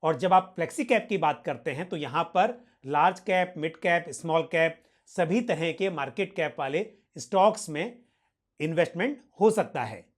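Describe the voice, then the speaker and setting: A man hosts a financial Q&A, answering viewer questions formally and politely while mixing in English financial terms. His voice is fairly high and expressive, at a moderate pace.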